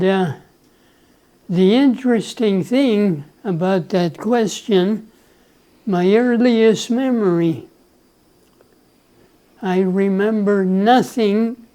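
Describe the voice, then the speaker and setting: A man in his nineties, originally from El Salvador and raised speaking Spanish, tells his life story very slowly. His voice is soft and mellow. He chuckles now and then and often clears his throat. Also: high voice, rough recording. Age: 90s. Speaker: grandfather being interviewed. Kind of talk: relaxed life-story interview.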